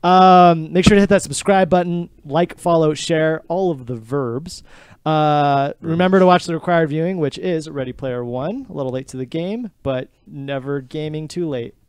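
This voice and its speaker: A man's voice: on the high side, moderate pace, smooth, no room sound. A man hosting a casual film review chat, rambling loosely through his sign-off. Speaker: show host.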